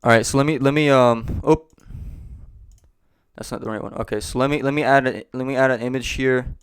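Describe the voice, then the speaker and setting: Man, vlog host, casual talk to camera, rambling, repetitive, clear resonant voice. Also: medium pitch, steady tone, fairly quick. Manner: rambling, repeats himself. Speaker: host of a business channel.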